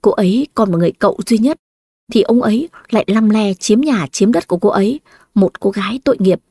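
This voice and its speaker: Woman reading as a calm young baker. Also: medium pitch, a little fast, slightly rough, no echo, clean studio sound. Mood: sympathetic. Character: young man, calm baker who took over the shop.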